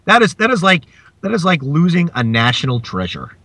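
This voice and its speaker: A young adult man, a podcast guest, chatting playfully and quick with jokes. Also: on the high side, wildly swooping pitch, bright, forceful tone, no echo. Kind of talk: joking podcast chat.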